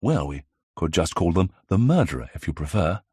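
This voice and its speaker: Man as a young 1920s gentleman detective, brisk, theorizing, low husky voice, dry recording. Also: sing-song, no room sound, heavily acted. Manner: brisk, self-assured. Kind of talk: audiobook character reading.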